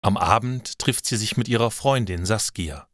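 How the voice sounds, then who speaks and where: Clear, slow male story reader. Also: on the low side, fairly bright tone, no room sound, studio quality. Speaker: narrator. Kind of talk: scripted narration for language learners.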